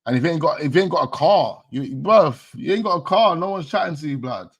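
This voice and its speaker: A man's voice: a little high, lively intonation, brisk, slightly rough. A man hosting a casual live-stream chat, slangy, loose and jokey, laughing often. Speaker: host of a fan channel stream.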